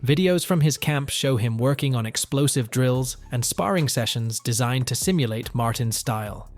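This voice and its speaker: Male narrator, mid-pitched, reading scripted sports news over faint music. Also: expressive, normal speed.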